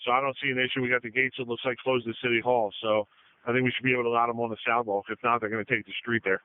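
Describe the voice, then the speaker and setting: A man supervising police in the field, giving brisk, directive instructions over police radio. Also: medium pitch, level tone, no room sound. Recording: tinny narrow-band police radio audio.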